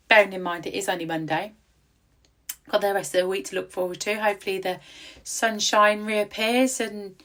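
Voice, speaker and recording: A female tattoo artist with a croaky, medium-pitched voice chats casually in a rambling voice-over full of ums. It was recorded outdoors in the quiet countryside.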